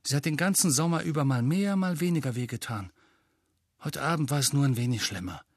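A man with a husky voice reads a brooding teenage schoolboy in an audiobook, low and muttering. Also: a little fast, dry recording, studio quality. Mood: sullen. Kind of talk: audiobook character voice.

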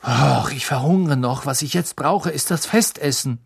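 A man's voice: mid-range voice, normal speed, gravelly, breathy edge. A man voicing a grumbling, hungry teenage boy in an audiobook, plain and complaining.

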